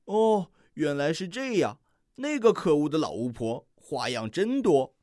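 A little red-beaked bird from a children's storybook asks puzzled questions in a raised, lively voice, as a reader puts her on. The sound is close and dry. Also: mid-range voice, measured pace, dry recording. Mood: wondering. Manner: questioning, wondering. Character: small bird returning to find her friend.

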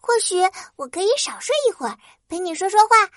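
A woman's voice: very high-pitched, moderate pace, bright, forceful tone, no room sound, studio quality, voice pushed up. A woman voicing a tiny, hot-tempered flower fairy girl for a children's story, with a piping little voice and a petulant, complaining manner. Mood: softened, sincere.

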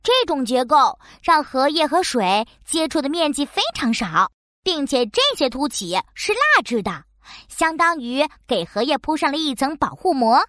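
A small, eager female frog from a children's science cartoon explains things like a friendly, patient little teacher, her very high, bright voice swinging lively in pitch and punctuated by croaks. She speaks at a moderate pace, and the recording is very dry.

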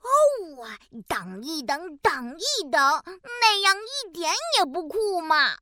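A woman plays a cheerful little bear cub in a storybook, high and bright, swooping all over in a sing-song way. He talks slowly and lays on playful sound effects, recorded close and dry. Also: very animated, dry recording, exaggerated voice. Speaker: storybook narrator in character. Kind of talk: children's storybook narration.

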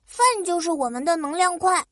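A playful, stubborn little child from a storybook, as a woman acts it out. The voice is very high, whiny and bouncy, pitched well above the narrator's own. It is dry and close. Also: a little fast, no room sound. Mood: curious.

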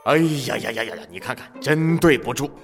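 A man's voice: big pitch swings, a little slow, fairly bright tone, in a large hall, faint music behind. A man voicing a vain, blustering ancient king who mocks his guest in a children's story audio drama, with theatrical swings in his delivery. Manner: theatrical, swinging pitch, mocking then sheepish.

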